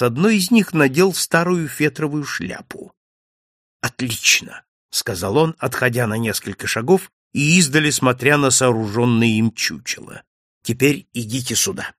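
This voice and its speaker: A man narrating a novel as an audiobook, in an expressive, lively storytelling manner. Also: medium pitch, no echo, studio quality.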